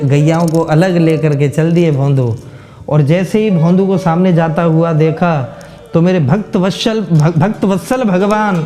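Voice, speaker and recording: High-voiced devotional storyteller, man. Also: warm tone. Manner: emotive, addresses listeners directly.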